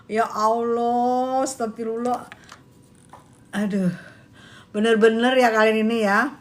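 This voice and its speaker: A woman's voice: fairly high pitch, level tone, slow pace. A woman chatting casually in gossip style, laughing a lot and exclaiming often in slangy talk. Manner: uses Jakarta slang. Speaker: gossip vlogger. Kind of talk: casual gossip chat reacting to viewers.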